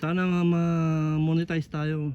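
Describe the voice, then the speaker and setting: A man vlogging outdoors on a rocky shoreline at low tide, talking chattily to his viewers and slightly out of breath. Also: flat delivery, takes it slowly, a little mellow, muffled recording, slight background noise. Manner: chatty, repetitive, addresses viewers constantly. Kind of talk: casual on-the-spot vlog narration. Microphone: camera on a tripod.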